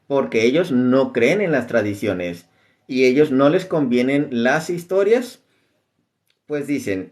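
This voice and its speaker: A man teaching an informal class on the Bible, talking loosely and often pausing on "este". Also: medium pitch, a little mellow. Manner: conversational, many fillers like "este".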